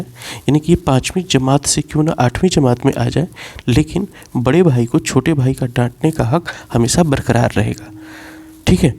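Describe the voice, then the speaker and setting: Lecturing to a class, this man uses a medium-pitched, slightly mellow voice. He goes through the material slowly and step by step, restating key points and slipping English words into his speech.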